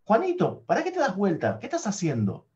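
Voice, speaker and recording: A man voicing a harsh stepmother in a spoken fairy tale, sharp and scolding. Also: sits high, huge pitch swings, brisk, voice pushed up. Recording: dull lo-fi recording.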